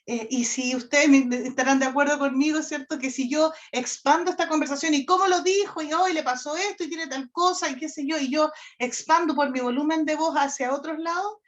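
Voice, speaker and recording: Woman instructor, higher voice, steady lecture with "¿cierto?" check-ins, muffled lo-fi sound. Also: a little fast. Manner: addresses class directly, frequent "¿ya?" and "¿cierto?" check-ins. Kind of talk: online lecture on communication. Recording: dull lo-fi audio.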